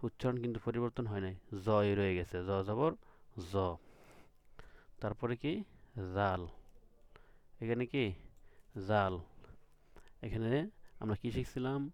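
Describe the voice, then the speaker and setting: A man's voice: lowish voice, measured pace, long pauses, smooth, dry recording. A man teaching letter sounds to beginners, patiently repeating each sound and checking with questions. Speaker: Quran reading teacher. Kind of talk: recorded lesson.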